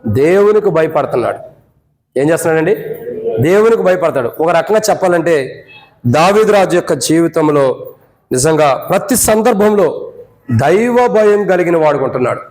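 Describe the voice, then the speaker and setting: A high-pitched man with a Telugu accent, preaching to his congregation. He keeps asking rhetorical questions and swings from ringing exclamations down to hushed, low remarks. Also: lively intonation, moderate pace, long pauses, rough recording. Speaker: pastor. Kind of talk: sermon. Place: prayer hall.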